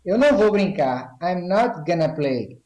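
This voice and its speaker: A man's voice: high voice, sing-song, darkish tone, echoey room, rough recording. A man with a Brazilian Portuguese accent teaching an online English grammar lesson, explaining step by step and often checking in with the class. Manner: explains slowly, checks in with "ok?" and "tá certo?".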